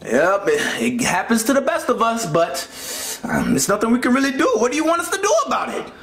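A man's voice: very high-pitched, very animated, a little fast, fairly bright tone, roomy sound, a little hiss or hum, exaggerated voice. A man voicing a blunt, exasperated household chef who scolds his way through a comedy skit. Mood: fed up. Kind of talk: comedy skit character acting.

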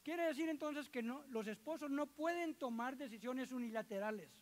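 A middle-aged man preaches to his congregation in a strikingly high voice. He jokes with the listeners and slips into quoted voices as he talks. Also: normal speed. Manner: lively, joking with the congregation, acting out quoted voices. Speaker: church elder preaching. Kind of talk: sermon.

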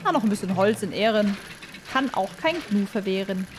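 Excitable woman chatting through a game. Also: mid-range voice, moderate pace, music in the background. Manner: chatty, excitable self-talk with swearing and giggly sing-song bursts. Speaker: gaming video host. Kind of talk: casual let's-play commentary.

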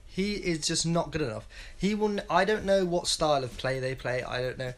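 Speaking a little high and fairly quickly, a man in his twenties rambles bluntly about football in a casual solo vlog. He's recording in a small room at home on a wired earphone mic.

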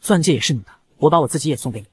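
A man's voice: fairly high pitch, expressive, very fast, slightly rough. A man voicing a cocky flirty gangster. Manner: teasing, cocky, playful whining. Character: brash male gangster heir, flirty and shameless. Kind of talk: comic narration dialogue.

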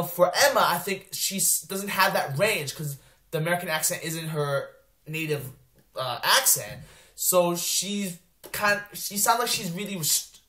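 A man's voice: a little high, a bit bright, echoey room. A young man casually reviewing a movie trailer for his vlog, rambling with many filler words and restarts. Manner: rambling, lots of ums and restarts. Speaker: movie vlogger.

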